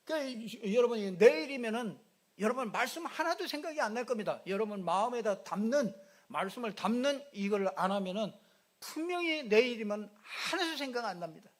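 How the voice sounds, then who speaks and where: A man's voice: very high voice, expressive, a little fast. A middle-aged male pastor preaching a sermon in a chatty, joking way, repeating little fillers as he goes. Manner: conversational and joking, repeats fillers, mimics regional speech. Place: church sanctuary.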